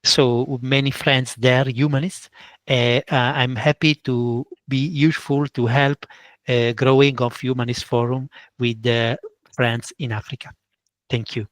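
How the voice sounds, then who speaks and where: A man speaks English haltingly. His voice is mid-pitched, and the recording is dry and close. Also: little pitch movement, no room sound. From Italy. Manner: halting non-native English, polite.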